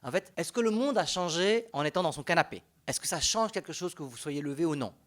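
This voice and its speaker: A young man with a Belgian French accent speaks on a panel at a public talk, animated and conversational, frequently restarting his sentences. His voice sits on the high side and moves briskly.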